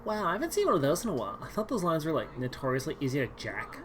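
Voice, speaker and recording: A woman's voice: sits low, big pitch swings, rapid-fire, background noise. A woman streamer reading a dating game aloud in a dramatic way, full of sarcastic, wry asides and exaggerated outbursts. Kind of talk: dramatic game read-through.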